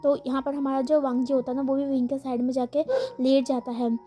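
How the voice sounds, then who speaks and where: A woman's voice: high voice, little pitch movement, a little fast, dark tone. A woman casually narrating a fan fiction story, rambling with lots of fillers and English words mixed in. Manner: rambling, frequent fillers, mixes English words into her speech. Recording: faint music behind the voice.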